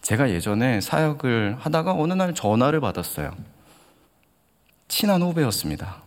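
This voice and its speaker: A man preaching a sermon in a church hall, telling stories with animated delivery and asking the congregation direct questions. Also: medium pitch, moderate pace. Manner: animated storytelling, acts out quoted voices. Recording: long hall reverb.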